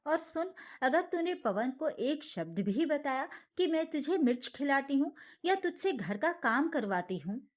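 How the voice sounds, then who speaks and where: Woman playing a cruel young daughter-in-law, harsh and mocking, lively high voice, storybook villain. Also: a little slow, hardly any pauses. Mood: threatening.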